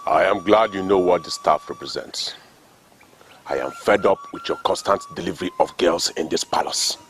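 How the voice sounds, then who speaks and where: A man's voice: low-pitched, moderate pace, fairly bright tone, faint music behind. A man with a Nigerian accent playing a stern, demanding king in a film drama, speaking in a commanding, declamatory way. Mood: angry, threatening. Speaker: actor.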